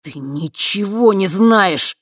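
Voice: medium pitch, fairly even intonation, normal speed, no room sound, clean studio sound, close to an everyday voice. An audiobook reader voicing a proud, resentful young man with a clipped, cold delivery. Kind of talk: audiobook character voice.

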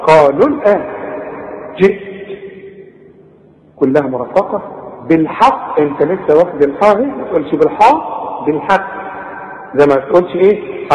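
An Egyptian man teaching Quran recitation rules, correcting mistakes and chanting verses slowly. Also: high voice. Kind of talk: tajweed lesson with recitation. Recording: echoey room with long reverb.

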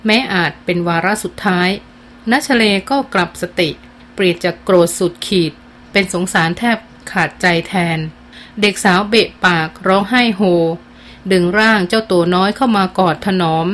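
A woman narrating a novel in a measured, expressive storytelling manner. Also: medium pitch, a little hiss or hum. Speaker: audiobook narrator. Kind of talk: scripted narration.

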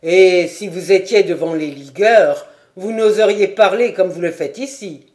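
A woman voicing a stern male lieutenant with a sonorous, forceful delivery, a little lower than her own voice. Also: lively intonation, takes it slowly.

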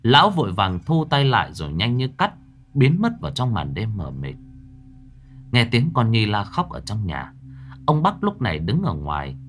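Man with lively horror narration. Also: fairly low pitch, normal speed, slight background noise. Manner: dramatic, lively storytelling. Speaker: storyteller.

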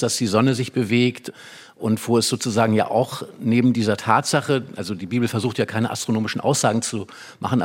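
An expert guest discussing a play, this man speaks in long, winding sentences during a conversation about literature. His voice is mid-range with a breathy edge.

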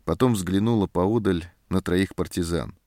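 A man reading a story aloud in calm, measured scripted narration. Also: sits low, no room sound, clean studio sound. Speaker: audiobook narrator. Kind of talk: scripted narration of a war novel.

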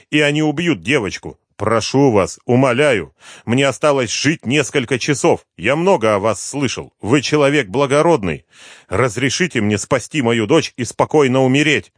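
A man's voice: mid-range voice, no room sound, studio quality, pitched above the performer's own voice, natural voice. A man voicing a desperate dying ex-agent. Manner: pleading, strained, breaking into coughs. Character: dying desperate middle-aged ex-KGB man.

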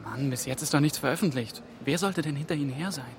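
Here the same kind of role, an anxious, impatient man caught in a conspiracy in a German radio play, comes out irritated. The actor's voice is on the high side and quick, natural and muttering, with noise in the background.

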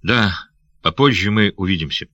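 A man's voice: low voice, lively intonation, moderate pace, bright, forceful tone, no room sound, muffled recording, heavily acted. A man voicing a young noble lady who is anxious and loving, speaking in breathless, pleading questions. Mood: earnest.

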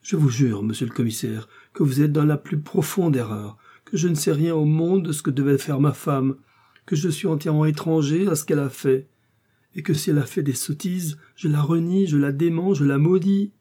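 Man putting on a panicky middle-aged shopkeeper, high and pleading, husky underneath, storybook. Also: moderate pace, dark tone. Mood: protesting. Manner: pleading, protesting, rising pitch. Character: frightened anxious middle-aged male shopkeeper.

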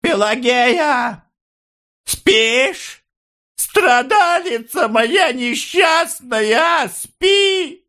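A man reading aloud voices a servile, frightened peasant market woman, high and pleading. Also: animated, extremely slow, bright, forceful tone, exaggerated voice. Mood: drunk shouting. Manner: bowing, servile, whispering curses.

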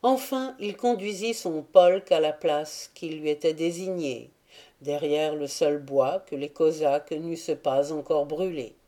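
A woman reading a classic novel aloud as an audiobook narrator, measured and steady. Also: low voice. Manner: slow, measured storytelling. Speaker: audiobook reader. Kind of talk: scripted narration.

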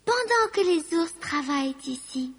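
A woman voicing a flustered female magic dragon aunt, with high, theatrical exclaiming cries. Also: expressive, measured pace, a bit bright, long reverb tail, soft background music, exaggerated voice. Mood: eager.

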